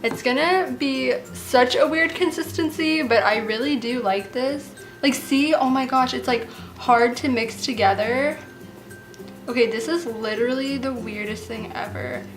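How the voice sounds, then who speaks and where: High-pitched teenage woman lisping slightly with braces. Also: a little slow, faint music behind. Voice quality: slight lisp from braces and rubber bands. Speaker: host of a slime craft channel. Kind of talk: casual chatty DIY tutorial.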